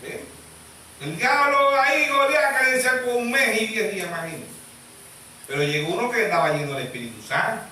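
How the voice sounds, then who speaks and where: A man's voice: high-pitched, brisk, bright, forceful tone. A man preaching a sermon as pastor, emphatic, asking the congregation questions and waiting for their answers. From Venezuela. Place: church hall. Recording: echoey church sound from far off.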